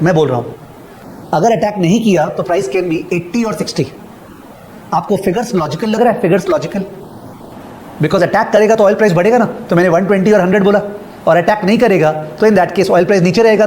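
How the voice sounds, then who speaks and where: A middle-aged man lectures on finance with a fairly high voice. He is emphatic and keeps repeating key phrases, dictating them slowly for students to copy down. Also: darkish tone, slight background noise, poor audio. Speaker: finance teacher. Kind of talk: classroom lecture mixing Hindi and English.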